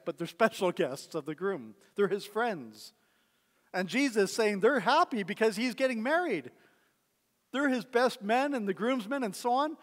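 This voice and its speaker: The long reverb of a church hall surrounds this sermon from a male pastor with a high voice. He preaches conversationally from the sanctuary, leaning on rhetorical questions.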